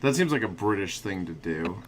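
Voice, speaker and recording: A man's voice: low-pitched, expressive, normal speed, slight background noise. A man co-hosting a casual podcast, joking around and slipping into mock voices. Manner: jokey, slips into mock voices. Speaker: co-host.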